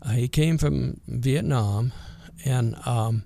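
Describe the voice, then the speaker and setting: Slow, creaky older man, Vermont twang. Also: medium pitch, mellow. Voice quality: natural rural twang. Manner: hesitant, folksy, unhurried. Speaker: interview guest. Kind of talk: casual conversational reminiscing.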